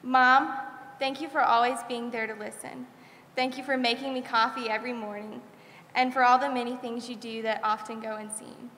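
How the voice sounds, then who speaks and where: A woman's voice: on the high side, fairly even intonation, moderate pace, a bit bright, slight background noise. Sincere teen girl, echoey chapel podium. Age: late teens. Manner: sincere, devout thank-yous. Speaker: graduating senior. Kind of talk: reading a senior farewell speech. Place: school chapel. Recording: echoey chapel with long reverb.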